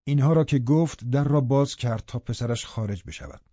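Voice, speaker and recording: Mellow male audiobook narrator. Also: mid-range voice, husky, no room sound. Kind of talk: scripted narration. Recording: dry, slightly dull studio audio.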